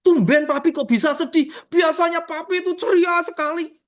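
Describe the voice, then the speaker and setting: A man's voice: very high voice, normal speed, a bit bright, pitched above the performer's own voice. A man voicing his young daughter, surprised and concerned, in a raised voice.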